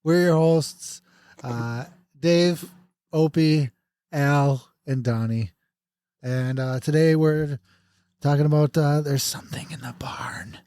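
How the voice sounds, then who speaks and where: A man's voice: a little high, slow pace, warm tone, no room sound, studio quality. A man hosting a casual podcast, opening the show in a playful, crude, teasing way. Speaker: podcast host.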